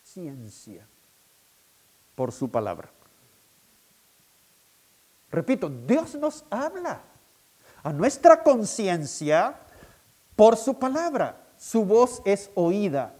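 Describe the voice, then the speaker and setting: A male pastor delivering a sermon in a high voice that swoops up and down with great animation. He speaks slowly and deliberately and repeats each key point so it sinks in. His manner stays emphatic throughout. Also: wildly swooping pitch, a little mellow.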